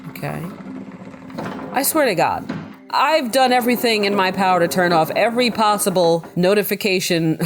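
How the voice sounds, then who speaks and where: A chatty woman with a slightly congested voice, commenting casually on a game as she plays, reading its text aloud and poking fun at herself. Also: fairly low pitch. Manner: chatty, self-mocking, often laughing. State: slightly congested from a recent cold. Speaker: gameplay video host.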